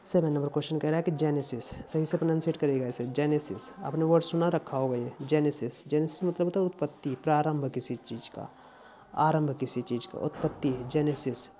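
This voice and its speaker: A man's voice: on the high side, fairly even intonation, a little fast, warm tone, a little hiss or hum. A man teaching vocabulary, explaining patiently and repeating each word to drill its pronunciation.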